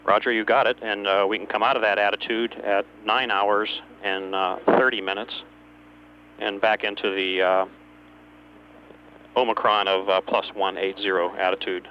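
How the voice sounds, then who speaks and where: At a moderate pace, a man with a lowish voice and little pitch movement relays procedural calls to a spacecraft as capsule communicator. He sounds a bit hesitant between phrases. Faint noise and hum sit under the dull radio channel.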